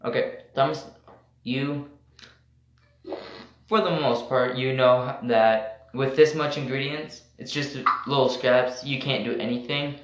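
A man running a tabletop game as game master and host, describing scenes plainly and unhurriedly, heard through a low quality voice-chat stream. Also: steady tone, slow pace. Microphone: computer mic over voice chat. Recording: echoey, noisy low-quality voice-chat audio.

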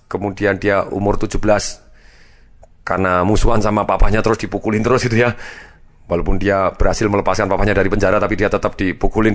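A man giving a money management lecture, telling a story and acting out its quoted dialogue with animated shifts. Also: lowish voice.

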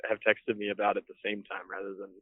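A man's voice: on the low side, monotone, fast talker, dry recording. A man's voice comes through an old flip phone line, thin and band-limited with a dry, close sound. He talks in a loose, laid-back way, full of fillers and casual swearing. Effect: heard over an old flip phone call. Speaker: guest calling in by phone. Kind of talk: casual chat.

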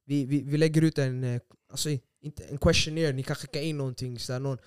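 A young man co-hosting a casual podcast, telling stories in animated, slangy street Swedish. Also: mid-range voice, clear, resonant tone, dry recording. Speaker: podcast co-host. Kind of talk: casual chat. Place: small studio room.

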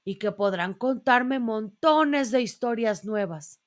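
Lady doing a sweet earnest bear guy from a storybook, high and slow. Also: expressive. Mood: hopeful. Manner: hopeful, earnest, mild. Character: gentle male brown bear longing to read.

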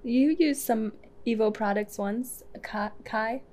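A woman's voice: on the high side, slow pace, a crowd in the background. Chatty laughing woman stylist. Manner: chatty, laughs often, many "like" fillers. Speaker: hairstylist and salon owner, guest. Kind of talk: casual podcast conversation.

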